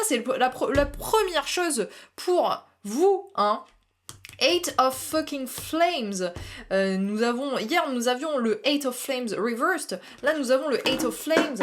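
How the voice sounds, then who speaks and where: A young woman doing a casual tarot reading, talking chattily, laughing often and dropping English slang. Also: on the high side. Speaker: tarot reader.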